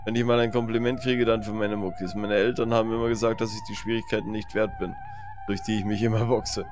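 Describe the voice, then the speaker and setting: Man reading sulky brawny game crewman, whiny self-pitying tone, loud game music behind. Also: on the low side, level tone, fast, lightly acted. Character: brawny, self-pitying young male crew member. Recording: game music playing loudly underneath.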